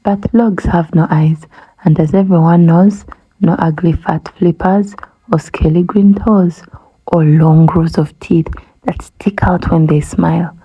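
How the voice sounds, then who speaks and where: Slow, husky woman reading a storybook. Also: on the low side, steady tone, muffled recording. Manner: gentle, rhythmic rhyming narration, often breathy whispers. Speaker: storybook reader. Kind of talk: children's book read-aloud.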